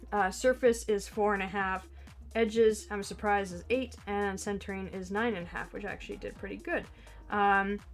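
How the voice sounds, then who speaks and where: A woman with a fairly high voice gushes and rambles through an unboxing, often trailing off, laughing and starting over. She talks into a camera mic at home, and faint music plays softly underneath. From Canada. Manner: excitable, gushing, laughs often, trails off and restarts. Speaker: card collecting vlogger.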